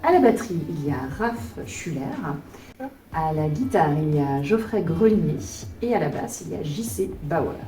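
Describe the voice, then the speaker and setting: A woman in her late thirties from Alsace, a singer-songwriter, speaking in a lowish, warm and mellow voice. She answers interview questions earnestly, pausing to find her words. She is picked up from a distance at a concert venue, and the room echoes around her. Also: animated, faint music behind. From Alsace, France. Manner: earnest, thoughtful, searching for words.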